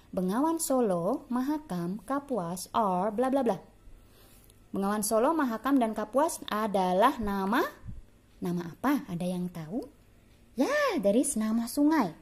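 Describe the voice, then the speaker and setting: Her tone affectionate, a woman with an Indonesian accent teaches English bilingually to young primary school children, saying words for them to repeat and addressing them as "dear." Her voice is mid-range and darkish with a breathy edge.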